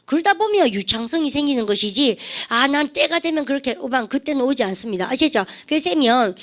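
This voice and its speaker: A woman's voice: high voice, fairly bright tone. A Korean woman teaching an English vocabulary lesson, prompting students to repeat phrases in call-and-response drills.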